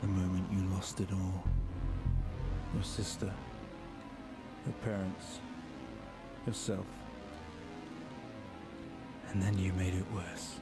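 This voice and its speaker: A man voicing a cold, menacing male interrogator who speaks slowly and deliberately, with loud game music behind him. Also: low-pitched, flat delivery. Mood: accusing. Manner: slow, accusing, deliberate.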